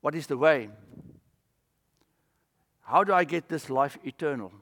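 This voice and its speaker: A male preacher delivering a sermon in an animated way, with humorous asides. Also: on the high side, measured pace, long reverb tail.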